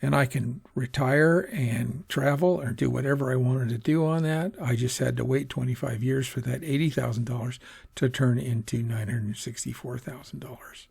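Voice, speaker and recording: In this clip the same sort of casual personal-finance talk comes from a man with a husky, darkish voice of medium pitch, marked by vocal fry. He teaches at a moderate pace, wandering off topic, fixing his own wording, and performing little quoted asides.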